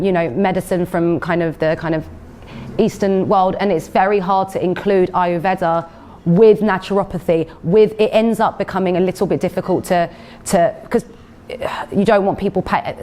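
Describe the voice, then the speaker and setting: A woman's voice: lowish voice, darkish tone. A woman with an Essex accent tinged with Cockney, giving a health talk and fielding questions in a chatty, explanatory way. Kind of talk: informal talk with audience questions.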